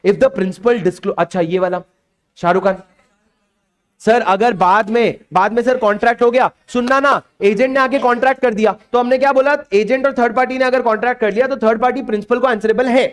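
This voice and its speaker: A man's voice: extremely high pitch, steady tone, fast, clean tone. A man with an Indian English accent teaching an exam revision lecture, coaxing students and repeating questions to them.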